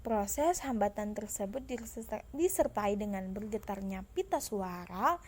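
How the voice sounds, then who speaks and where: Young woman, Indonesian accent, student reading notes, slightly high voice, faint hiss. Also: darkish tone. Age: young adult. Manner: careful reading with small slips and restarts. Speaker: student presenter.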